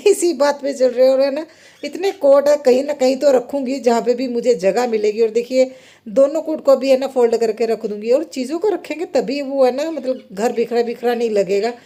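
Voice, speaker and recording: A woman's voice: high-pitched, moderate pace, mellow. A woman, narrating her daily chores in a casual, homely vlog. She chats easily, laughs often and keeps leaning on the little filler 'है ना'. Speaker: homemaker vlogger, mother.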